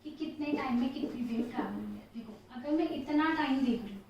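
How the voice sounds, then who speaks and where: A woman's voice: high voice, brisk, a little mellow, lo-fi sound, a little hiss or hum. A woman teacher explaining a physics lesson step by step, asking questions and answering them herself. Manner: mixes Hindi with English phrases, often says "theek hai". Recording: echoey room, voice from far off.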